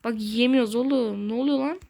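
A woman hosting a gaming channel, giving casual let's-play commentary in short, excitable bursts with slangy exclamations and mild curses. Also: a little high, a little fast, gravelly, slight background noise. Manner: talks to self while playing, short bursts.

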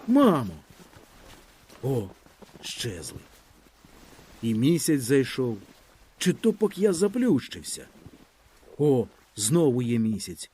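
Expressive male audiobook storyteller. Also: medium pitch, takes it slowly, long pauses, slight background noise. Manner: lively storytelling voicing a boy's first-person tale. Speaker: audiobook narrator. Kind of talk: expressive literary reading.

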